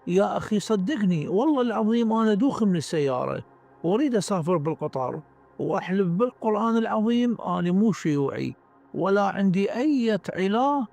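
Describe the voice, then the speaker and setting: A man's voice: high-pitched, lively intonation, brisk, gravelly, darkish tone, faint music behind, voice pushed up, full character voice. A man reading the part of a frightened young male soldier, pleading and swearing oaths in an Iraqi accent. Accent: Iraqi Arabic. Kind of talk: dramatic story reading.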